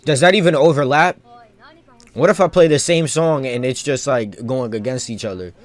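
Thinking out loud as he plays, a male streamer offers loose, slangy live commentary on a video game and rambles freely. He speaks at medium pitch and a moderate pace.

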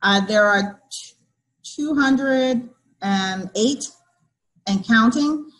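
A woman's voice: on the high side, very slow, fairly bright tone, rough recording. A woman who works as a real estate broker, giving an upbeat testimonial in a storytelling way.

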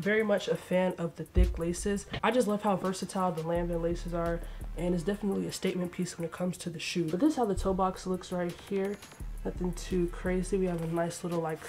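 This sneaker vlogger, a young adult woman, unboxes a pair indoors in her bedroom with shoe shelves. She has a lowish, somewhat mellow voice that sounds a bit stuffy, and she keeps things laid-back, chatty and slangy.

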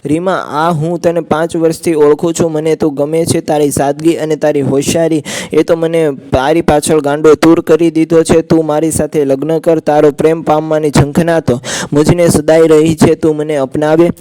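A man's voice: a little high, little pitch movement, moderate pace, dark tone, lightly acted. A man voicing a stubborn, lovesick young man in a storybook tale, pleading dramatically.

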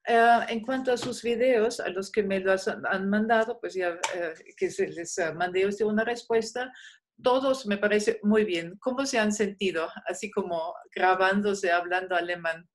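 Woman teacher on a video call, middle pitch, relaxed and filler-heavy. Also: a little hiss or hum. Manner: relaxed, frequent fillers, slow modelling of German sounds. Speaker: German teacher. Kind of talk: online class.

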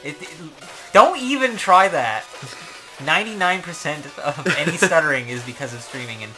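A man's voice: on the high side, animated, normal speed, poor audio. A man giving casual, joking, sweary commentary while he plays and hosts a let's play. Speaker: let's play host and player. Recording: loud game music behind.

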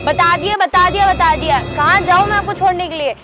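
A young woman with a high, piercing voice scolds and pushes back in a staged street prank. She sounds fed up and insistent, and loud background music plays under her voice throughout. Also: a little fast. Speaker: prank target. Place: outdoor street in the evening.

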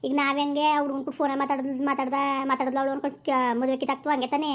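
A woman's voice: sits high, level tone, rapid-fire, close to an everyday voice. A woman playing a bossy middle-aged village aunt with a rural Kannada accent, lecturing and repeating warnings. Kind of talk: village skit acting.

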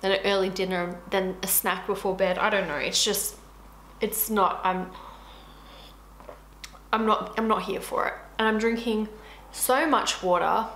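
A beauty vlogger in her twenties chats casually while eating, talking with her mouth full. Her medium-pitched, fairly bright voice is fairly even in intonation, a little slow, with long pauses, in an echoey room with faint hiss.

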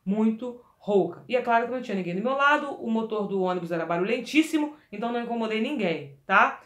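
A woman singing teacher giving a lively vocal lesson, coaching the listener directly and demonstrating exercises. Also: on the high side, fast. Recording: echoey room.

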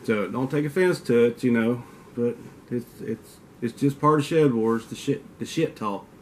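In a den hung with mounted antlers, a forties-aged man with a Kentucky drawl talks casually to his desk webcam for his outdoors channel, rambling and swapping teasing trash talk. His mid-range voice is darkish, at normal speed, with slight background noise.

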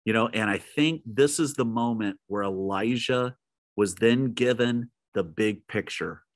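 A man preaching a midweek sermon as pastor, retelling a story and speaking straight to his listeners, who sometimes drops to a soft low voice for emphasis. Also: a little slow, dry recording.

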